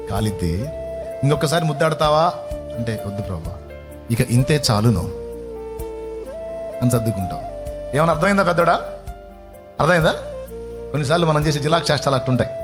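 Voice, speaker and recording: A man preaching a sermon, telling a story and acting out its dialogue in shifting voices while asking his listeners questions. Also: mid-range voice.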